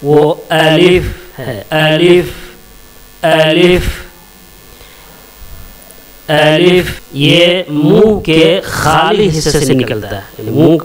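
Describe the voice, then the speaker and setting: A man teaching a slow alphabet lesson, repeating each letter several times and explaining step by step where it is made in the mouth. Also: fairly high pitch, lively intonation. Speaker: Arabic teacher.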